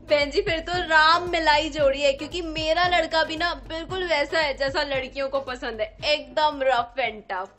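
A woman's voice: sits high, moderate pace, few pauses, shouting, lightly acted. A woman playing a sly, boastful future mother-in-law in a comedy family skit.

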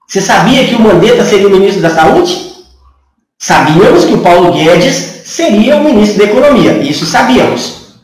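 High-pitched Brazilian man, echoey room. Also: big pitch swings, normal speed, far from the mic. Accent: Brazilian Portuguese. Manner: rhetorical, sarcastic, asks many questions. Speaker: channel host. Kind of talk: political opinion monologue. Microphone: camera from a few feet away. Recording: echoey room, voice a bit off-mic.

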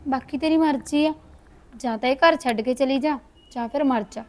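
A woman's voice: high voice, normal speed, darkish tone, lightly acted. A woman playing a cruel, bossy sister-in-law. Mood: cold. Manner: scolding, taunting, commanding. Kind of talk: amateur village short-film acting.

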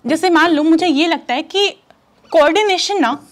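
A young woman with a high-pitched voice explains exam preparation to students. She talks in a casual, direct way, often checking that they follow and reassuring them. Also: moderate pace. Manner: chatty, direct, reassuring, addresses students as "you". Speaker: chemistry exam coach. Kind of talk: casual Hindi-English teaching talk.

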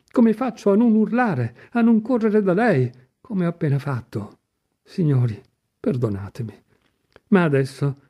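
Storybook part: a man doing a feverish young man, pleading in high, dark-toned outbursts. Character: young man, impassioned, excitable, desperate.

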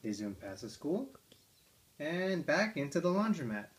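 In a fairly high voice with big pitch swings, a father reads picture books to his toddler daughter from a living room armchair at home. He's unhurried, playful and coaxing, asking her questions about the pages.

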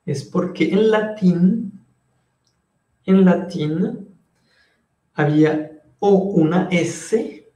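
A man's voice: high voice, drawn-out words, pauses often, mellow, reverberant. A man teaching French in an online class, explaining patiently and switching between Spanish and French.

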